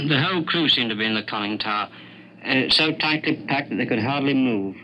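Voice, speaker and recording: A British man, an air force pilot, giving a grave, measured, understated account in a 1940s wartime radio broadcast. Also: mid-range voice, lively intonation. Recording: muffled, noisy 1940s radio recording.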